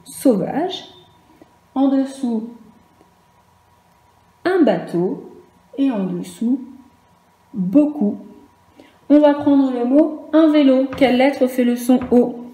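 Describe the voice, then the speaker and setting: Slow, patient teacher in an echoey room. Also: female voice, high-pitched, mellow. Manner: slow, patient, spelling out letters one by one. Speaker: primary school teacher. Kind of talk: remote phonics lesson for young children. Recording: echoey room with faint noise.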